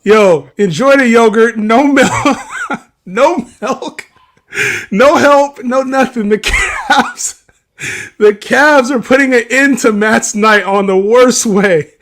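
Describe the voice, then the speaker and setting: A man's voice: very high voice, big pitch swings, slow, fairly bright tone. A man co-hosting a casual sports betting livestream, laughing often and teasing his partner. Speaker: livestream co-host.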